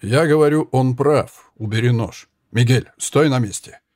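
A man's voice: mid-range voice, a little slow, darkish tone, dry recording, studio quality, natural voice. A man voicing a small, stern young Spanish guard who speaks in firm, clipped commands. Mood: cold threat.

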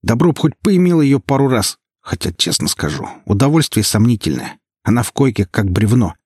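A man voicing a cold, menacing gangster boss in his forties who talks in a slow, flat, contemptuous way in an audiobook. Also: medium pitch, husky, dry recording, clean studio sound, voice pushed up.

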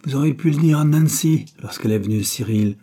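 Un homme jouant Mlle Benyon, institutrice patiente. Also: male voice, mid-range voice, a little fast, pitched above the performer's own voice, lightly acted. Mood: reproving. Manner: calm, reproving. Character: patient young female governess, gently moralizing.

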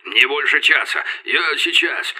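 A flustered, fast-talking young fellow heard over a crackly army radio, as a male narrator puts him on. The voice is harsh and sharp, with a husky, grainy edge. It sounds filtered and distant, as if through a headset. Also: fairly high pitch, expressive, exaggerated voice.

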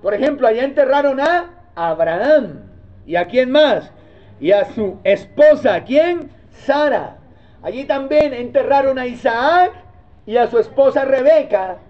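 A man's voice: very high-pitched, lively intonation, unhurried, dull audio. A man with a Colombian accent, preaching a sermon in a conversational way and asking his listeners rhetorical questions. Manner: calls listeners brother, homely storytelling tone. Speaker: pastor.

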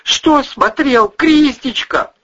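Timid, bruised husband, high and whining, slow, played by a male narrator; lo-fi audiobook. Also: sharp tone, heavily acted. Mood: bewildered. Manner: bleating, drawn-out and helpless. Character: dazed bruised timid husband, bewildered and whimpering. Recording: muffled lo-fi recording.

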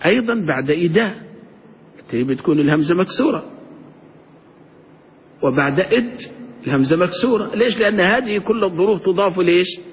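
Man, grammar lecture, quizzing tone, high-pitched, long hall reverb. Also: gravelly. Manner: quizzes students with questions, then answers them himself. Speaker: Islamic grammar teacher. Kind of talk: classroom lecture.

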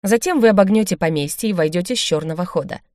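A woman's voice: on the low side, fast talker, dark tone, no echo, studio quality, natural voice. A woman reading the lines of a stern, scheming male baron in an audiobook, firm and commanding.

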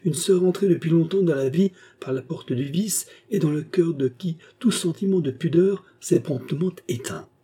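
A man's voice: fairly high pitch, normal speed, hardly any pauses, mellow, breathy edge, pitched above the performer's own voice. A man voicing a scheming baronet villain who poses as a kind benefactor, talking in an earnest, persuasive way in a French audiobook novel.

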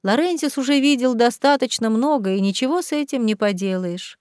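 Woman narrating a novel, highish voice, even pace, dry close mic. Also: fairly quick, clean tone, no room sound. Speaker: audiobook reader. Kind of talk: scripted narration.

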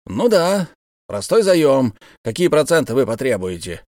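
A man's voice: mid-range voice, big pitch swings, measured pace, darkish tone, no room sound, clean studio sound, pitched above the performer's own voice. A man voicing a firm, commanding male army captain who serves as governor, for an audiobook. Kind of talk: audiobook character voice.

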